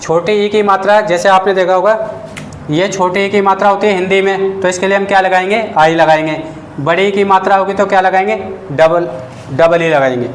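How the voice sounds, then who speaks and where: A high-pitched man teaching beginners, slowly and patiently, often asking the class simple questions. The room is echoey, with a faint hiss behind him. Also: fairly even intonation. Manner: patient, repeats points and asks the class questions. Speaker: English teacher. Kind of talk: classroom lesson explaining basics.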